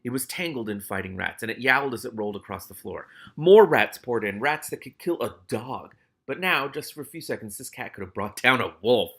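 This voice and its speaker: In a brisk, animated delivery with hardly any pauses, a man reads a novel aloud dramatically and drops in casual, sweary, exclamatory commentary. His medium-pitched voice is creaky, slightly rough and fairly bright.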